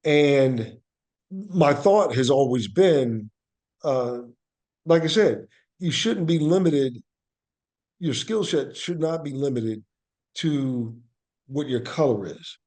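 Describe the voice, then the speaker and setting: Slow and expressive, with frequent pauses, this man's mid-range, darkish voice belongs to an actor and playwright being interviewed. He reflects conversationally and explains earnestly, using emphatic repetition.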